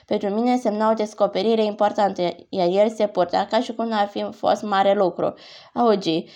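A woman narrating a novel aloud in a calm, even storytelling manner. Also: medium pitch. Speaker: audiobook narrator.

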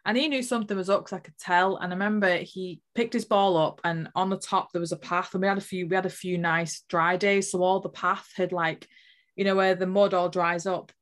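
A woman's voice: lowish voice, fairly even intonation, brisk. A woman earnestly telling a personal spiritual story as an interview guest, emotional and full of fillers.

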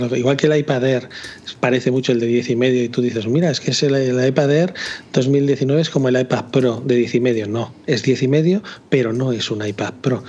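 A man's voice: medium pitch, a little mellow, breathy edge, muffled recording. A man in a casual tech chat, explaining things confidently and swearing casually.

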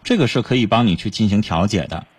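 A man hosting a radio call-in show, reading out contact details and calmly giving callers advice. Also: lowish voice, quick pace, dry recording. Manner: steady, instructive, gives advice.

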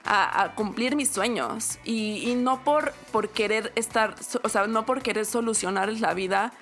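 Animated young Mexican woman. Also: a little high, unhurried, soft background music. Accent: Mexican Spanish. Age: young adult. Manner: animated storytelling with acted quotes. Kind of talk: casual podcast conversation.

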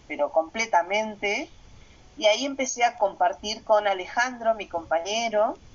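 A woman sharing her personal story in a reflective testimony, pausing often with soft fillers. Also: on the low side, dull audio.

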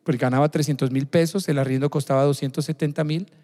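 A pastor with a fairly high yet mellow voice preaches at a quick pace in a steady tone, driving his points home by repeating phrases. A long hall reverb surrounds his sermon.

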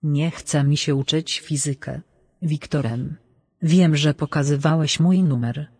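A synthetic male voice flatly reading out viewer donation messages. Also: on the high side, unhurried, breathy edge, dry recording.

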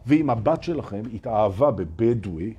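A man's voice: lowish voice, expressive, dark tone, breathy edge, lo-fi sound. A man giving a motivational spiritual talk to an audience, speaking emphatically, repeating key phrases and firing rhetorical questions at his listeners. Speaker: spiritual teacher addressing an audience.

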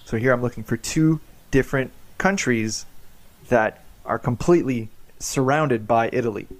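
On a podcast, a male quiz host runs a trivia game, joking around and often repeating his words as he reads the questions. He speaks at normal speed in a medium-pitched voice.

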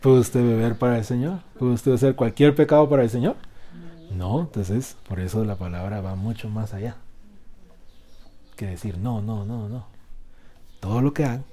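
A man preaching a sermon, asking the congregation questions and swinging between loud and soft. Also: on the low side, moderate pace. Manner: call-and-response with congregation.

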